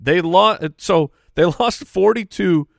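A man's voice: high-pitched, slow pace, creaky, dry recording. Man riffing on football stats, dry mic. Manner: lively banter, reeling off stats. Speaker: podcast co-host. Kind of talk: casual sports chat.

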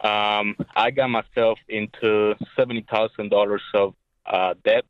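A young man calling in to an advice show over the phone, speaking hesitantly with many pauses and filler sounds. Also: lowish voice, flat delivery, clear, resonant tone, no echo. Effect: heard over a phone line. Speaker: caller.

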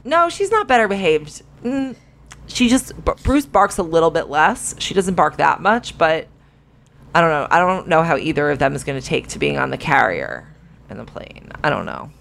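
Woman doing casual podcast chat, lots of vocal fry, kinda low pitch, wry. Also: lively intonation, moderate pace, fairly bright tone. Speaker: podcast co-host.

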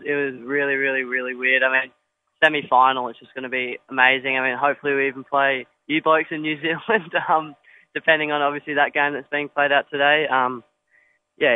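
A young man talks modestly in a post-match interview, stumbling through fillers and restarts. His delivery stays flat and even. The sound is thin and tinny, as if over a phone line. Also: medium pitch, clear, resonant tone, no echo. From Australia. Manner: hesitant, filler-heavy, modest. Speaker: cricketer.

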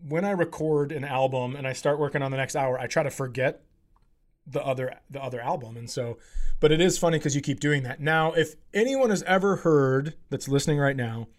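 A male comedian hosts a podcast, riffing through casual comic chat with an animated, profane, self-deprecating style. His voice is medium-pitched and his pace fairly quick.

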